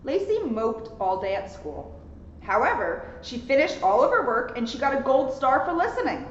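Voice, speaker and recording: This police officer, a young adult woman, reads a children's story aloud expressively and keeps chatting between passages. Her voice sits high with big pitch swings, at an ordinary pace. She's indoors in a borough hall lounge, and the recording is muffled, reverberant, and a bit noisy.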